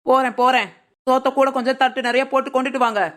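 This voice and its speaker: A woman's voice: sits high, level tone, fast talker, close to an everyday voice. A woman voicing a cheeky, lazy young village daughter-in-law in a cartoon, teasing and talking back. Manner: sly, teasing, talks back. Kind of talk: cartoon voice acting.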